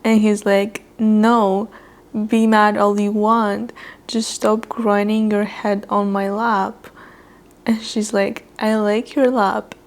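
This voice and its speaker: Slow-talking young woman with gravelly fry. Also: medium pitch, flat delivery. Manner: chatty, retells dialogue with frequent "he's like", laughs often. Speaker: book vlogger. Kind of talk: casual read-along commentary. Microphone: on-camera.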